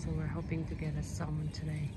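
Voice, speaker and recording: A woman in her forties talks to her phone camera outdoors in a low voice, chatty and halting with plenty of fillers. Loud outdoor noise and passing vehicles sit behind her. It is a casual vlog recorded at arm's length. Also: monotone. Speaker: vlogger. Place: outdoors by a canal. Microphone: phone held at arm's length.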